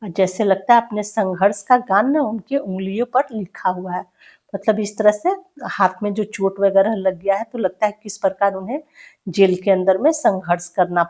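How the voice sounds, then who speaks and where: A woman's voice: mid-range voice, darkish tone. A woman teaching a Hindi poem, reciting each verse with emphasis and then explaining it in loose, conversational speech full of fillers.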